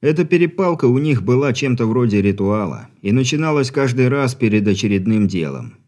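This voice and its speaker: A man narrating an audiobook with an even, wry storytelling manner. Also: mid-range voice, a little fast. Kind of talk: scripted narration.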